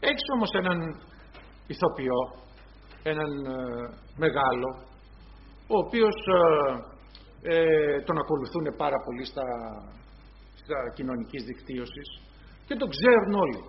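A man's voice: fairly high pitch, lively intonation, pauses often, highs cut off. A man preaching a sermon, retelling scenes in quoted voices and calling his listeners brothers.

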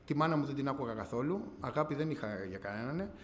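A man giving a personal testimony to a church gathering, telling his story earnestly, often rising and falling in pitch and loudness. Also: lively intonation. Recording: long hall reverb, faint background noise.

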